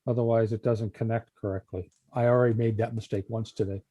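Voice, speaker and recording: A man hosting a video call, explaining carefully in a relaxed way. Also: fairly low pitch, a little fast, slightly rough, no room sound, highs cut off. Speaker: show host. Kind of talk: casual video call talk.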